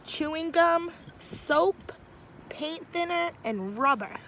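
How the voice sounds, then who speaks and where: A very high-voiced woman teacher gives a slow, warm storytime reading of a picture book to children, chatting in lively asides as she goes. She's outdoors near trees, and a faint hiss or hum runs under the audio.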